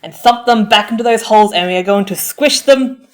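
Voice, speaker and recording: A brisk, slightly mellow mid-range female voice. An audio roleplay performer, she plays a supportive friend in a comforting roleplay, chatting informally with the listener in a theatrical, encouraging pep talk.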